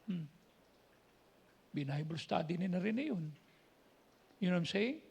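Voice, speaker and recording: A man's voice: high voice, expressive, unhurried, vocal fry, a little mellow, breathy edge, highs cut off. A man with a Filipino accent preaching a sermon as a pastor, telling stories in a conversational way and switching between languages. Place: church.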